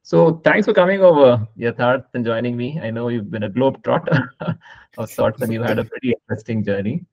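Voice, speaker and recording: A man hosting a podcast, asking long, winding questions in a measured conversational way, on slightly muffled audio. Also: medium pitch. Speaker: podcast host. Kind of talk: conversational interviewing.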